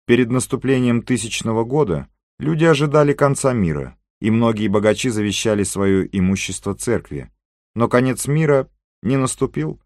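A man voicing a calm, immovable, phlegmatic character in an audiobook, making slow, dry remarks. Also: mid-range voice, dry recording, pitched above the performer's own voice, natural voice. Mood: sage.

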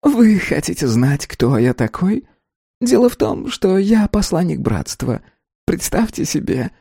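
A man reading aloud and voicing a small, thin, sly official with an insinuating, slow, mocking voice. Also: sits high, sing-song, vocal fry, dark tone, breathy edge, dry recording, studio quality, pitched above the performer's own voice, full character voice.

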